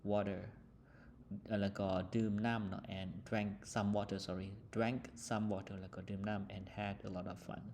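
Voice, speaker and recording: Male English teacher, Lao accent, lowish voice, slow English words, fast filler-heavy explanations, faint hiss behind. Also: a little mellow. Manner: reads English words slowly, then explains them quickly with many fillers. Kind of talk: textbook lesson explanation.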